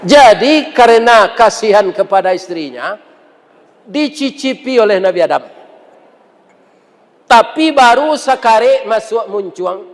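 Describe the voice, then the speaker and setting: Minang guy preaching, high pitched, takes his time, keeps asking the crowd stuff, echoey big hall. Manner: jokey, teasing the audience with questions. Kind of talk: humorous sermon with storytelling. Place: large mosque hall. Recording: reverberant mosque hall.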